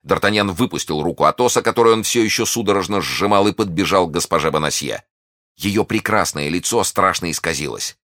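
A man narrates a classic novel in a dramatic audiobook reading. His voice is very deep and expressive. The sound is dry and close. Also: fairly quick, no echo.

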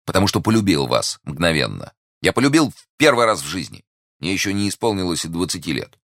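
A man's voice: deep voice, big pitch swings, a little fast, a bit bright, dry recording, studio quality, pitched above the performer's own voice, heavily acted. A man voicing an ardent young musketeer, raised and eager. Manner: eager, pleading, impassioned.

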